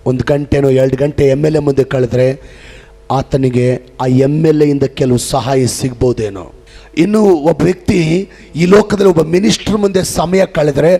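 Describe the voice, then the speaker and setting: Pastor guy preaching, keeps repeating lines for emphasis, gravelly voice. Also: a little high, dark tone. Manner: repetitive emphatic preaching cadence. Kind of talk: sermon.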